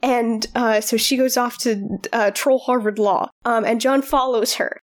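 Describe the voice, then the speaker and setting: A woman's voice: a little high, fairly even intonation, unhurried. Rambling woman podcast co-host. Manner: rambling, full of fillers and restarts. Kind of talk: casual chat.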